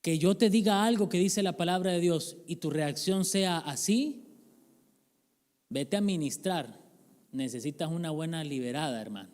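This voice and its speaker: Man preaching, pastor, fairly high voice, chatty sermon, long church-hall reverb. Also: moderate pace, darkish tone. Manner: conversational, jokes and questions the congregation. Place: church sanctuary.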